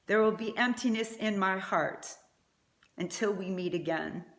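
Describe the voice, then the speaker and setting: A woman's voice: mid-range voice, unhurried, a bit bright. A middle-aged woman giving a prepared eulogy as a mother, speaking in a tender, faltering way. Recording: echoey room.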